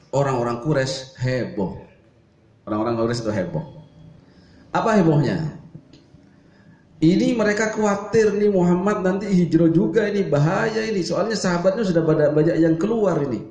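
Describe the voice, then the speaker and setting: A male preacher delivers a sermon, storytelling with lively humor. His voice sits at an ordinary middle pitch. The hall around him rings with a roomy echo. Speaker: Islamic preacher. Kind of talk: Islamic sermon to a congregation.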